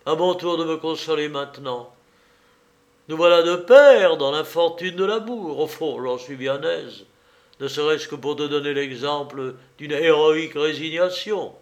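A man voicing a boisterous young gentleman adventurer who speaks loudly and laughs often, in a storybook reading. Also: fairly high pitch, a little slow. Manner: loud and exclamatory, with bursts of laughter.

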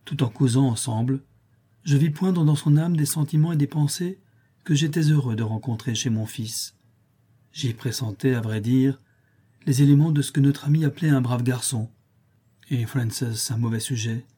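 Husky, mellow male storyteller. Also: medium pitch, moderate pace. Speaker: audiobook narrator. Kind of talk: scripted narration.

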